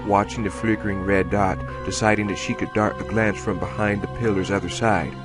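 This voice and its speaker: Low-voiced man reading a thriller. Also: fairly even intonation, a little fast, over music. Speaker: audiobook reader. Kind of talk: audiobook narration.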